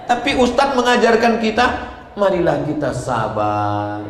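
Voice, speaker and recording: A man preaching a lively sermon to a mosque congregation, asking the crowd questions and moving between loud exclamations and low asides. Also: slight background noise. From Indonesia. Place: mosque hall. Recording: echoey hall, reverberant mosque.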